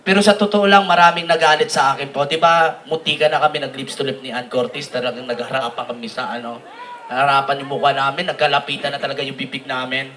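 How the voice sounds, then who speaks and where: A man doing animated live comic storytelling on stage, often laughing at his own jokes. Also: medium pitch, fast, recorded from a distance, a little hiss or hum. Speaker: comedian performing on stage. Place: live outdoor city event stage.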